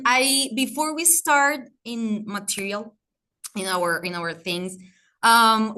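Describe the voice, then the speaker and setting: A woman's voice: fairly high pitch, bright, forceful tone, slight background noise. A young woman from Colombia, a graduate mentor presenting a workshop in a chatty way, often searching for words. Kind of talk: workshop presentation over video call.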